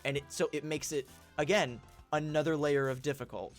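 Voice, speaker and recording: A man's voice: on the high side, fairly even intonation, fairly quick, faint music behind. Man rambling through game commentary. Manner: rambling, filler-heavy explaining. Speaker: game streamer. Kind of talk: casual gameplay commentary.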